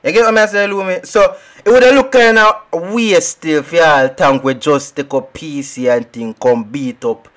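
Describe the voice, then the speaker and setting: A young Jamaican man streaming a shooter game, talking through it in excitable, rambling trash talk. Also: on the high side, moderate pace. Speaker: gaming streamer. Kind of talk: live gameplay commentary.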